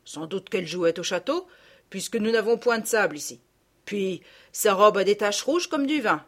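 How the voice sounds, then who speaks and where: A woman doing a loud blunt peasant gardener woman. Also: medium pitch, expressive, normal speed, natural voice. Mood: gossiping. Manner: blunt rustic country speech, scolding. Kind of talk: audiobook character reading.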